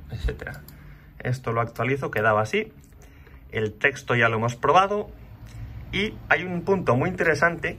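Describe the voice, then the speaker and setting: A man walking viewers through a design website in a relaxed, chatty tutorial, talking to the audience as he clicks. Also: medium pitch, husky. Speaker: channel host. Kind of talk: casual screen walkthrough tutorial.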